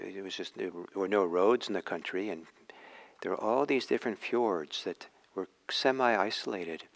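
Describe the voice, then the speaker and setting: A man from Norway, giving a reflective dharma talk with many pauses and restarts. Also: fairly low pitch. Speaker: meditation teacher.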